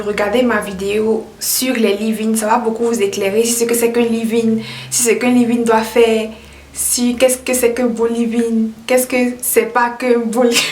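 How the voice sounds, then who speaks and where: A woman chatting casually as a hair care vlogger, upbeat and repeating herself, her voice carrying a heavy echo. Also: a little high. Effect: heavy echo around the voice. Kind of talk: casual product review. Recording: echoey room, voice far from mic.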